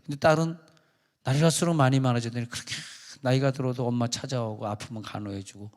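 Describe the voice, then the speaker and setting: A man's voice: medium pitch, darkish tone, long reverb tail. A male pastor giving a conversational, joking sermon to his congregation. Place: large church sanctuary.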